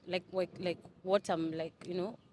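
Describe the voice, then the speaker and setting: A young woman from Kenya, speaking in a fairly low register. She answers interview questions in a casual, halting way, full of restarts and fillers. A faint hum of background noise sits under her voice. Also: steady tone, dark tone. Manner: hesitant, many fillers and restarts. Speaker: interview guest. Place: Dubai.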